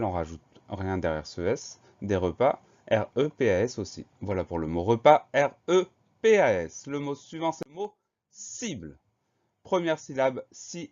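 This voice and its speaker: A lower-pitched man gives a calm, patient spelling lesson for young pupils and spells every word out letter by letter. The recording is slightly dull and lo-fi. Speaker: teacher.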